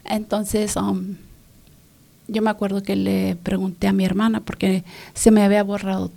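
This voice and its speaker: A woman whose first language is English, giving an earnest personal faith testimony in an interview. She speaks softly and often drops into a whisper. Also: mid-range voice, level tone, moderate pace, vocal fry. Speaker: interview guest.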